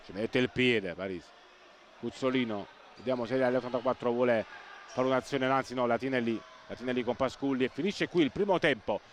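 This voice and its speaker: A man giving live play-by-play sports commentary, excitable and breathless, repeating names and words for emphasis. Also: medium pitch, brisk. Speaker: live futsal match commentator. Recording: noisy sports hall ambience.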